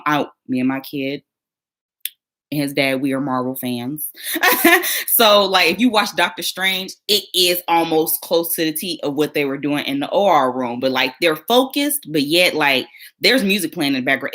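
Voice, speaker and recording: A woman's voice: fairly low pitch, a bit bright. A young woman, chatting casually on a livestream as a new surgical tech, talking straight to her viewers and laughing often.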